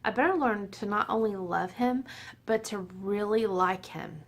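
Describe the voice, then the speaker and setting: A little slow in her speech and mid-range in pitch, a woman in her forties talks casually to camera for her viewers at home. The vlogger is slightly tipsy, chatty and self-deprecating, laughing often.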